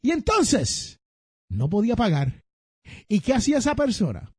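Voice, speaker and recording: A Puerto Rican man hosting a personal finance podcast, telling stories in an animated way and speaking straight to his listeners. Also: high voice, moderate pace, breathy edge, dry recording, clean studio sound. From Puerto Rico. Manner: animated storytelling, addresses listeners directly. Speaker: podcast host.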